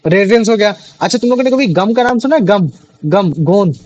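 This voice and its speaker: Brief: male tutor, high pitch, chatty, keeps quizzing students, mix. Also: animated, a little fast, a little mellow, no room sound, dull audio. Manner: chatty, repeats questions to students, many fillers. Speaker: teacher. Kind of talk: classroom biology lesson.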